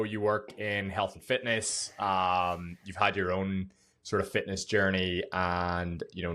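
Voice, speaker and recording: Low-voiced swearing podcast host man. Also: fairly bright tone. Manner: loose, swears casually, many fillers. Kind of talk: casual podcast chat.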